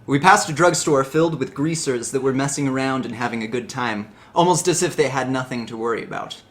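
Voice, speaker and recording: A man's voice: medium pitch, fairly quick, fairly bright tone. A man giving a hammy, theatrical dramatic reading of a story, like a stage actor. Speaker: reader of a story.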